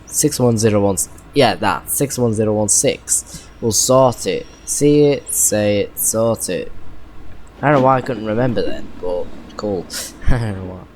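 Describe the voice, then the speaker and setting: A man's voice: on the low side, normal speed. A man giving casual gameplay commentary, musing to himself as he goes. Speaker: gamer commentating on a train game. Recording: noisy game audio behind voice. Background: train and vehicle noise.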